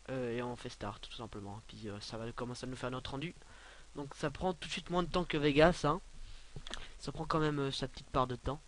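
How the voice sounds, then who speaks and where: A young man giving a casual, rambling software tutorial, filling his talk with hesitations and offhand asides. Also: medium pitch, slight background noise. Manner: rambling, many filler sounds, offhand asides. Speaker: tutorial maker.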